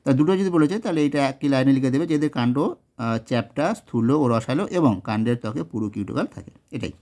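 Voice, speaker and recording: A man teaching, working through exam question answers step by step, often pausing, correcting himself and checking that students follow. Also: mid-range voice, a little mellow. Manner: explains step by step, checks in with "ঠিক আছে?"; frequent hesitations and self-corrections. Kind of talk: exam solution walkthrough.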